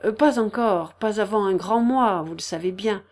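A woman's voice: medium pitch, normal speed, close to an everyday voice. A woman voicing an anxious young husband who answers in hesitant, shaky replies.

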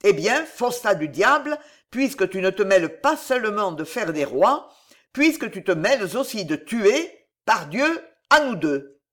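An audiobook reader voicing a bold chevalier who talks in a gruff, defiant way. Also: mid-range voice, very animated, a little slow, fairly bright tone. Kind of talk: audiobook character voice.

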